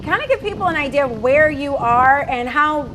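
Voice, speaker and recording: A woman's voice: sits high, animated, normal speed, fairly bright tone. A woman news anchor talking unscripted and putting questions during a live broadcast. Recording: clear wind noise from live feed.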